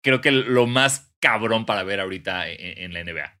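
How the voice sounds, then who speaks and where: Slangy Mexican man with a bright voice. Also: on the low side, normal speed. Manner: slangy, animated storytelling. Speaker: podcast co-host. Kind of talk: casual chat.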